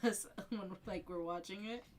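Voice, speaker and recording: Young woman, live-stream host, bubbly, giggly, rambling, mid-pitched voice. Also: normal speed, a little mellow. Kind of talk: casual live-stream chat.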